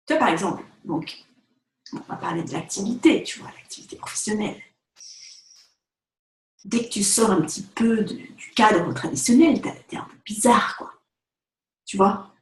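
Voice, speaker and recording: A woman talking casually to the camera as a vlogger and photographer, chatty and animated, filling her talk with asides and fillers. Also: mid-range voice, normal speed, pauses often. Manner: chatty, animated, direct address with many fillers. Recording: echoey room.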